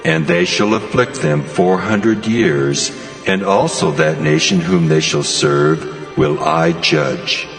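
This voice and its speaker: An actor playing God as a solemn, commanding divine voice in a dramatized scripture reading. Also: male voice, sits low, animated, takes it slowly, creaky, fairly bright tone, heavily acted. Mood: grave, prophetic. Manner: solemn, declamatory. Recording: long cavernous reverb over music.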